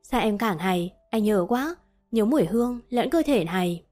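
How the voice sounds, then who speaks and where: A devoted young husband from a read-aloud romance story, earnest and protective, speaking in a soft, steady way, as a woman narrator reads his lines. The voice sits at a middle pitch, with quiet music underneath. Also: moderate pace, lightly acted. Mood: tender. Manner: tender, then stern when worried.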